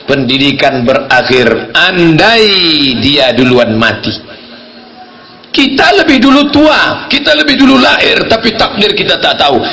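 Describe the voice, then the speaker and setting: A man with an Indonesian accent preaching a lively sermon, telling stories and acting out the people in them. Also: poor audio. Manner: animated storytelling, acting out characters with sudden high-pitched cries. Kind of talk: lively sermon with acted dialogue.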